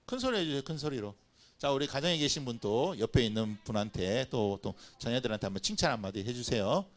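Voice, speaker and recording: A man's voice: mid-range voice, animated, fast, faint music behind. A middle-aged man preaching a children's and family sermon, telling stories and acting out little scenes. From Korean coast. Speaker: pastor.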